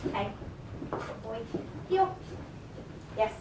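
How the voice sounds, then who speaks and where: High-voiced woman dog trainer, roomy. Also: expressive, slow pace, recorded from a distance, noisy background. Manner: short cheerful commands and praise, sing-song encouragement. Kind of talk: puppy training lesson with spoken explanations. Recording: roomy sound, away from the mic.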